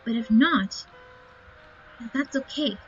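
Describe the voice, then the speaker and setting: Game music plays under a muffled, lo-fi capture as a woman comments casually on her playthrough, musing aloud in brief remarks. She speaks slowly, in a slightly high voice with a fairly bright tone.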